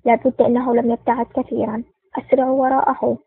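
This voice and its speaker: A woman's voice: fairly high pitch, flat delivery, quick pace, slightly rough, no echo. A woman voicing a sly, wheedling male villain in an audiobook, read without much change from her narrating voice, on a tinny line. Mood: angry. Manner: wheedling, then angry shouting. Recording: dry, tinny phone-like sound.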